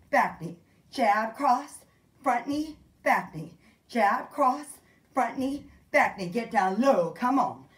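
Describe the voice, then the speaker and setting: Breathless, upbeat woman fitness instructor. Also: fairly high pitch. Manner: upbeat, counts out moves, calls encouragement. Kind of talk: workout class instruction. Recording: echoey room.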